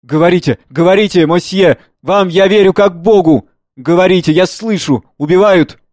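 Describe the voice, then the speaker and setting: A man reads the part of a seventy-year-old gardener who is nearly deaf, stubborn and frantic. He shouts in a high, cracking old voice. The recording is close and dry, with no room sound. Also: moderate pace, no echo, natural voice. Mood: pleading. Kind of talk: dramatic play reading.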